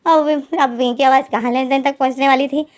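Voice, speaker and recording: A fanfiction storyteller, a woman with a high, steady voice and quick pace, casually retells a fan story. She strings every line together with plain narration and frequent "so she says" links.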